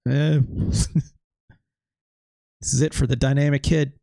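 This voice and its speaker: A man's voice: medium pitch, little pitch movement, takes it slowly, creaky, mellow, dry recording, studio quality. A man casually commenting while playing a video game, with wry, sarcastic asides. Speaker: let's play host.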